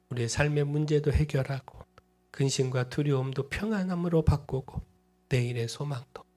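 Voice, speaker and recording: A middle-aged male pastor preaching a sermon and closing in prayer, rising to fervent emphasis and then dropping to hushed, earnest pleading. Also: medium pitch.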